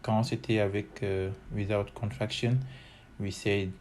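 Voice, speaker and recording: A French-speaking English teacher talks through a grammar lesson very slowly, hesitating often, using many fillers and repeating each form several times. His voice sits a little low, a little mellow, with little pitch movement, over a faint hiss. The online lesson switches between French and English.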